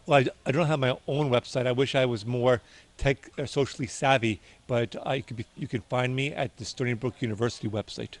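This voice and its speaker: A man's voice: medium pitch, fairly even intonation, a little fast, dry recording. A middle-aged man answering interview questions as a doctor, earnest and somewhat hesitant, correcting himself as he goes.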